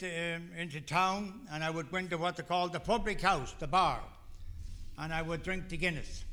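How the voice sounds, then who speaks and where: An older Irish man with a somewhat high, sharp-toned voice and an Irish accent shares his own recovery story at a meeting, giving a personal testimony in a folksy, rambling manner.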